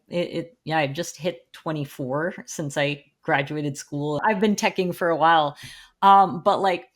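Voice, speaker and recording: A woman in her forties speaking as a podcast guest, frank and eager. Her voice is somewhat low, and her talk is full of casual fillers. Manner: enthusiastic, frank, many fillers.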